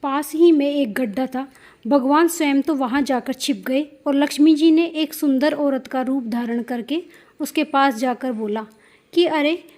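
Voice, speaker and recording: A woman with a high voice tells a devotional folk story. She keeps a steady, plain storytelling pace and often repeats her phrases. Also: a little slow.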